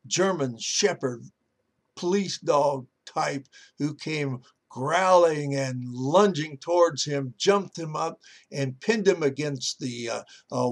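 A male pastor giving a motivational devotional talk in a folksy storytelling way, with lots of "uh" fillers. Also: fairly high pitch.

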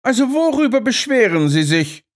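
A man voicing a sharp, aloof detective who speaks dryly and curtly in an audiobook. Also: very high voice, very animated, moderate pace, voice pushed up. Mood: cool, dry. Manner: dry, detached, curt.

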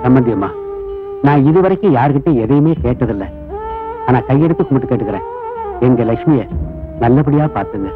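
A man's voice: medium pitch, expressive, brisk, pauses often, close to an everyday voice. An older man playing a devoted father who entrusts his daughter to her new family, speaking in a solemn, pleading way. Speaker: bride's father. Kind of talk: dubbed film drama. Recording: tinny phone-like dub over loud film music.

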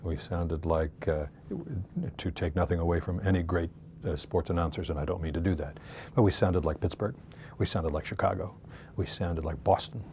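Deep mellow man, interview recollection, faint rumble. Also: fairly even intonation, moderate pace. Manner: conversational, recalling quotes. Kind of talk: documentary interview.

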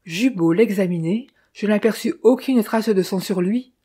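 A woman's voice: mid-range voice, normal speed, warm tone, slightly rough, natural voice. A woman voicing Austin, a stern man pressing his brother to confess, who talks in an insistent, questioning way.

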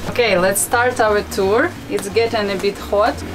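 A woman's voice: medium pitch, fairly even intonation, unhurried. A young woman giving a cheerful, laughing tour of a small wooden treehouse, talking in a casual vlog style with non-native phrasing. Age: young adult. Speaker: vlogger giving a house tour. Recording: music playing underneath. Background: background music.

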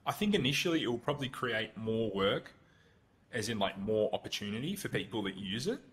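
A man's voice: fairly low pitch, big pitch swings, fairly quick, fairly bright tone, a little hiss or hum. A man who calls himself blunt, a guest on a podcast, chatting casually about marketing and acting out sample prompts in a conversational way. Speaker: guest, Google Ads consultant.

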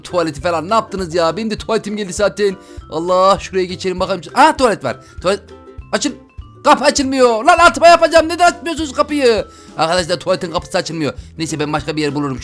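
A man hosting a let's play, giving game commentary in an excitable way, exclaiming and joking to his viewers as he plays. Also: fairly high pitch. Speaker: gaming channel host.

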